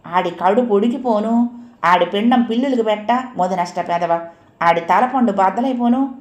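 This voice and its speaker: A woman's voice: medium pitch, moderate pace, roomy sound, lightly acted. A woman voicing an older mother over sixty who scolds and heaps curses. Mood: scolding.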